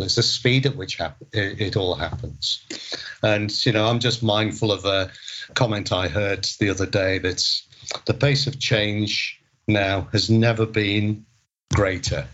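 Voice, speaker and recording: A man's voice: low voice, fairly bright tone. A man speaking conversationally as an expert guest in an interview. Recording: dull lo-fi audio.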